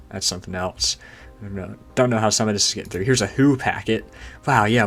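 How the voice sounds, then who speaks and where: A man hosting a tech channel through a voice changer that makes him sound synthesized and robotic, walking through a screen casually and asking rhetorical questions. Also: lowish voice. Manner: chatty, rhetorical questions, amused at obscure jargon. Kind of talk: casual technical screen walkthrough.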